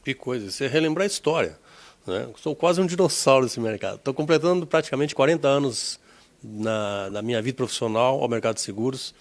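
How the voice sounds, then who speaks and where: With a medium-pitched voice and a Gaúcho accent of southern Brazilian Portuguese, a man in his sixties looks back on his insurance career during an interview. He talks in a measured way, repeating words while he gropes for them.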